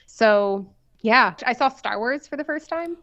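A woman's voice: fairly high pitch, animated, a little slow, a bit bright. Female guest, casual conversational delivery, playful and chatty, slightly lo-fi muffled sound. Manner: playful, informal, peppered with "like". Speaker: nun, podcast guest.

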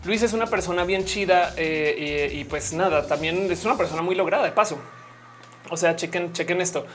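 Here the livestream host, a young Colombian woman, speaks briskly in a lowish voice over soft background music. Reading comments from her chat, she stays chatty and playful and laughs a lot.

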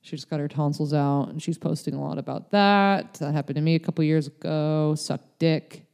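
A woman's voice: low voice, steady tone, moderate pace, vocal fry, a little mellow, clear, resonant tone. A young woman chatting casually as a podcast guest, rambling and candid, full of fillers. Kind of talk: casual chat. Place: LA area.

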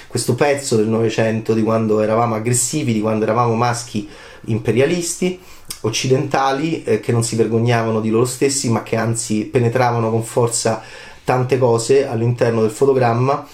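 Man in his forties, film critic type: animated monologue with rhetorical questions, mid-range voice, room echo on the recording. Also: brisk. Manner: animated, rhetorical questions, pitch leaps up when excited. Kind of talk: passionate film commentary monologue. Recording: roomy echo.

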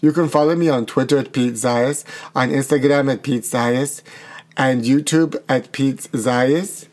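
A man's voice: medium pitch, fairly even intonation, unhurried, darkish tone. A man co-hosting a comedy podcast, signing off in a campy, theatrical, playful way. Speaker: podcast co-host. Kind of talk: improvised comedy sketch and sign-off.

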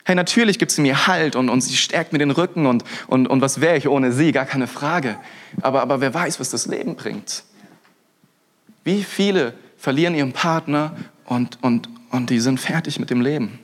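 A young pastor delivers a sermon in a mid-range voice at a moderate pace. He's lively and colloquial, talking casually and energetically, with frequent "hey"s, interjections, and restarts.

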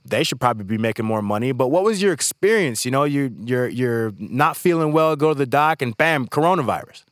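A man's voice: mid-range voice, lively intonation, fairly quick, few pauses, no echo, clean studio sound. A man asking loose, rambling questions in a casual podcast chat.

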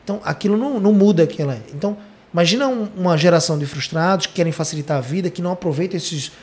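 A man hosting a conversational podcast, telling stories with lively emphasis. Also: sits high, rapid-fire. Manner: animated storytelling, lively emphasis. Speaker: podcast host.

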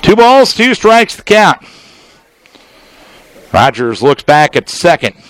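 A radio announcer with a slightly high, sing-song and somewhat bright voice calls live baseball play-by-play. He speaks in clipped, measured phrases with deliberate pauses, and the sound is dry and close with no echo.

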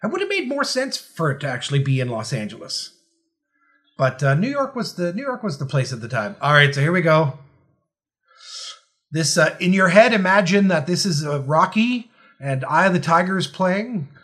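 Lively, bright-voiced joking man. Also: on the high side, normal speed. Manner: joking, trails off with fillers. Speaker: podcast co-host. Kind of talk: casual movie commentary.

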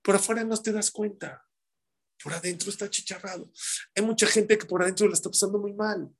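A middle-aged man giving an animated storytelling sermon, addressing his audience directly. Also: sits high, fairly quick. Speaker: religious speaker.

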